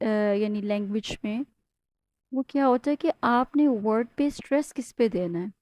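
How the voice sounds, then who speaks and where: A woman's voice: on the high side, warm tone, no room sound. Patient woman teaching Quran recitation. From Pakistan. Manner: explains patiently, checks in with "ok?", slowly chants Arabic words as models. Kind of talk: step-by-step Tajweed lesson.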